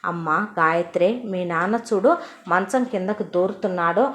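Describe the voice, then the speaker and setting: A woman's voice: on the low side, normal speed, a bit bright, close to an everyday voice. A woman voicing a fretful, fussing middle-aged mother in an audio story.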